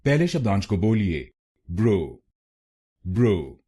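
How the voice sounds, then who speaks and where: A man leads a pronunciation lesson in a slow, careful, repetitive way. His voice is low, mellow and slightly husky, and his pitch moves lively up and down. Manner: slow, deliberate, repeats words. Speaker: pronunciation teacher.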